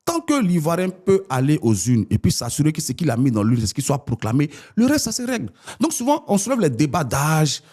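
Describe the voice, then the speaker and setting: A man's voice: a little fast, hardly any pauses. A man in his forties from Ivory Coast, a politician arguing his points as a guest in an interview. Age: 40s. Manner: animated, rising pitch when arguing.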